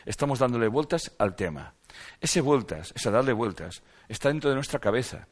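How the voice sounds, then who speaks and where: A man's voice: mid-range voice, lively intonation, fairly quick. A man giving a reflective self-help talk, reading passages aloud and asking rhetorical questions with repeated phrases for emphasis.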